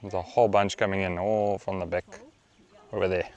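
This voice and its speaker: A man's voice: sits low, level tone, brisk, darkish tone, lo-fi sound. A man with a South African accent, a travel vlogger chatting casually outdoors. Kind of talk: casual vlog chat. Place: outdoors at a safari camp and waterholes.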